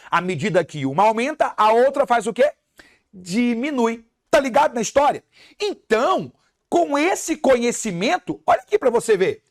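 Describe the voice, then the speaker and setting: Brazilian teacher, animated exam-prep lesson, very expressive pitch. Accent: Brazilian Portuguese. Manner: animated, talks to students as "pessoal" and "moleque", hypes the answer. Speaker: math teacher. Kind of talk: energetic exam-review lesson.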